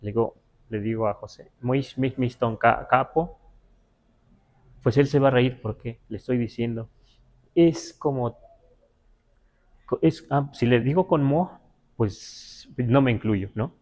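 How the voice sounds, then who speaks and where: A man with a Mexican Spanish accent teaching a language class, halting with many fillers and spelling words out syllable by syllable. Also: medium pitch, mellow. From Huasteca, Mexico. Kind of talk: live class explanation.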